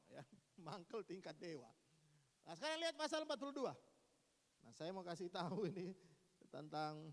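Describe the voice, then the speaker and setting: A man preaching a sermon as pastor, with an East Javanese accent and a lively manner, mimicking gossiping friends. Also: high voice. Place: church hall. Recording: long reverb of a church hall.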